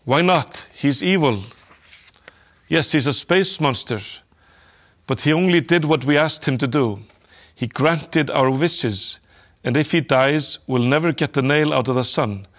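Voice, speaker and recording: Man reading a children's story aloud. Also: medium pitch.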